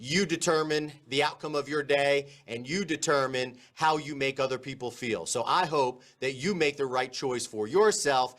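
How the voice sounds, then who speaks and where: A man's voice: mid-range voice, moderate pace, hardly any pauses, fairly bright tone. A man giving an informal, encouraging morning message to school pupils in a casual way. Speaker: school staff leader addressing pupils. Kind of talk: informal motivational school announcement.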